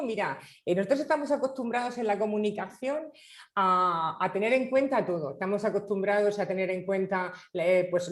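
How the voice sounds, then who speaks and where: A woman's voice: mid-range voice, reverberant. A woman in a conversational talk, speaking thoughtfully with frequent restarts as she works through her ideas. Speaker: panel guest.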